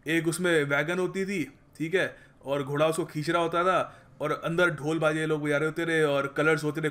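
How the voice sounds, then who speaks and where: A man with an Indian accent teaching English idioms in a conversational way, often checking in with listeners and reading English example sentences slowly and carefully. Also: on the high side, a bit bright. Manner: conversational, explanatory, checks in with "ठीक है". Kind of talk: explaining idioms in a lesson.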